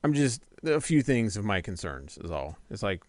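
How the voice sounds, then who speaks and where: A man's voice: fairly low pitch, big pitch swings, normal speed, a little mellow, no room sound. A man hosting a casual gaming podcast, rambling and trailing off as he talks. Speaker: podcast host. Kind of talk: casual chat.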